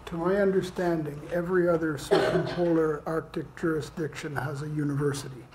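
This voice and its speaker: Guy in the audience asking a question, slightly high voice, off mic w/ some noise behind. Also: steady tone, brisk, darkish tone. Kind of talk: question from the floor. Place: lecture room audience, away from the mic. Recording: noisy, distant from the microphone.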